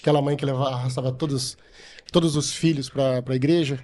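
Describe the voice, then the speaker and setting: Mellow-voiced man giving church testimony. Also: mid-range voice, steady tone, quick pace. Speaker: Sunday school coordinator. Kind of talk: casual testimony in a podcast interview.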